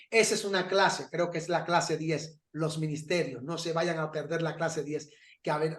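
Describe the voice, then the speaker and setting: A man teaching an informal Bible class over a video call, animated and laughing often as he tells stories. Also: high voice, roomy sound. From Paraguay. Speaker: pastor teaching an online class.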